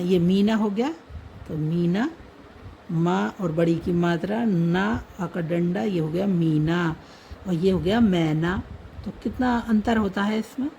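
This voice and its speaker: Slow, gravelly-voiced woman teacher. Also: medium pitch, dark tone, slight background noise, rough recording. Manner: spells out letters one by one, repeating words. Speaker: language teacher. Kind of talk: slow step-by-step writing lesson.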